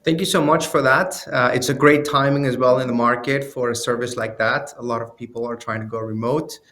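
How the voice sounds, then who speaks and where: Male moderator, relaxed questioning. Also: medium pitch, a little fast. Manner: friendly, loose questioning with "you know" fillers. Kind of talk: interview moderation.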